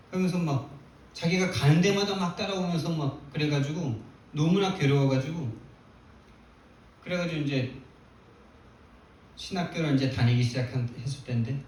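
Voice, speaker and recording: A man preaching a sermon as pastor, retelling a story in an animated way with quoted prayers. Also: fairly high pitch, slight background noise. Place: church sanctuary. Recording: echoey church hall from far off.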